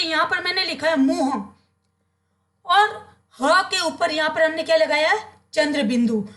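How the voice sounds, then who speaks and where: High-voiced woman teaching Hindi grammar. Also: a bit bright. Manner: asks questions then answers them, repeats key terms. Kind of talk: explaining Hindi grammar to students.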